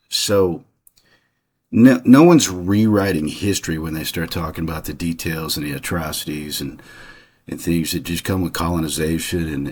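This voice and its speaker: Deep husky-voiced man musing aloud. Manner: rambling, conversational, many fillers and restarts. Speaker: channel host. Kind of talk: casual personal monologue.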